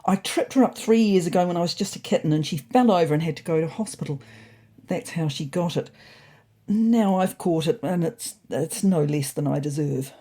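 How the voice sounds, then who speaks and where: A woman's voice: low-pitched, normal speed, dark tone. A woman voicing an anxious, guilt-ridden young male cat who talks in a plaintive, self-pitying way. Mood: guilty.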